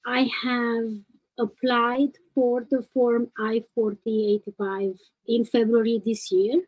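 A woman's voice: a little high, a little mellow, low-quality recording. A woman in her thirties from Romania, calling in over video and hesitantly laying out her situation in detail. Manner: hesitant, detailed step-by-step account. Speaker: caller. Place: home room. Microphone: webcam on a video call.

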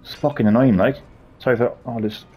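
A man's voice: medium pitch, steady tone, brisk, darkish tone, a little hiss or hum. A man giving gameplay commentary, frustrated, swearing and muttering to himself as he plays. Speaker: gamer.

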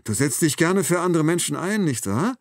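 A man's voice: fairly high pitch, big pitch swings, normal speed, no room sound, studio quality, pitched above the performer's own voice. A man voicing a sarcastic, taunting killer. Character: cold, mocking male serial killer.

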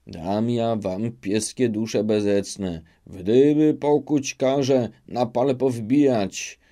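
A man's voice: fairly low pitch, unhurried, darkish tone. A man voicing a boastful, hot-tempered old nobleman who bellows insults and threats. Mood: furious. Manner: bellowing, scolding. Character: blustering old noble knight, boastful and quick to anger.

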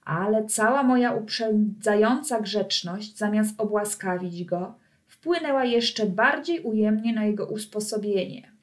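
A woman voicing a pompous male circus director who makes grandiose, slow, declamatory speeches to his audience in a storybook reading. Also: medium pitch, natural voice.

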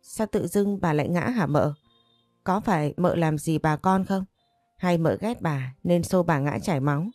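Lady doing a teary young maid, pleading, low warm voice. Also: normal speed, no room sound, studio quality, soft background music. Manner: pleading, sobbing. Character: young maid, tearful and loyal.

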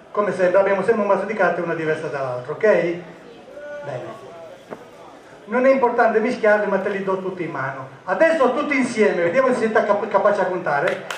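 Magician guy, high voice, jokey teasing patter, echoey and distant. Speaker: stage magician. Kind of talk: comic magic show patter to a live audience. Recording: echoey, distant stage recording.

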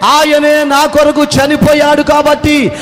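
A man's voice: extremely high pitch, monotone, a little slow, a bit bright, pitched above the performer's own voice. A male preacher voicing a young nurse, devout and forgiving, who speaks in an earnest, impassioned way. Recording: echoey hall, faint background noise.

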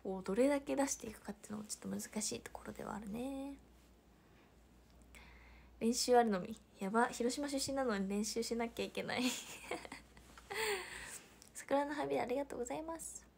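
Speaking with a Hiroshima Japanese accent, this young adult idol from Hiroshima, Japan, hosts a casual livestream where she reads out viewer comments and laughs a lot. Her fairly high voice moves a little fast, with vocal fry, long pauses, a slightly mellow quality and a breathy edge.

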